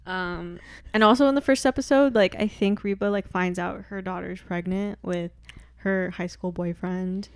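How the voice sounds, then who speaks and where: A young woman co-hosting a casual podcast, telling stories slowly with slang and giggles. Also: lowish voice, steady tone, clear, resonant tone, no echo. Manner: slow, giggly storytelling with slang. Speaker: podcast co-host. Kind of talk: casual chat.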